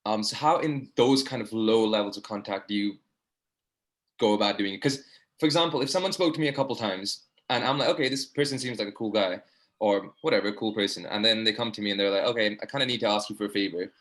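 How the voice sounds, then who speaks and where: Speaking fast in a lowish, somewhat bright voice, a young medical student puts a long, rambling question to an online discussion from a video call. He is earnest, and his speech is full of fillers.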